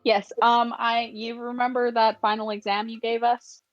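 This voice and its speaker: A woman voicing a polite, hesitant, apologetic high-school student in a tabletop role-playing game, on a dull microphone. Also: little pitch movement, moderate pace, no echo, soft background music, close to an everyday voice. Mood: earnest, nervous.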